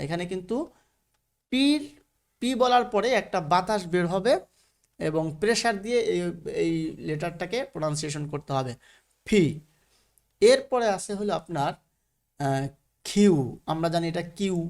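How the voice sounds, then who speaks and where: A man's voice: high-pitched, animated, brisk. A man with a Bangladeshi Bengali accent teaching English letter sounds in a recorded lesson, patiently repeating each letter with frequent fillers.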